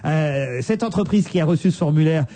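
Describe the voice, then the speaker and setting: A man's voice: on the high side, fairly quick, warm tone. A man hosting a radio panel show, telling a news story with playful exasperation. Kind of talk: lively radio panel banter. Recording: radio studio broadcast.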